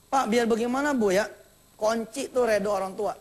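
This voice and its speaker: A man with a Jakarta accent preaching a sermon to a live audience, animated and joking, acting out small dialogues. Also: high-pitched, moderate pace. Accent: Jakarta Indonesian. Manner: animated, acts out little dialogues, jokes with the congregation.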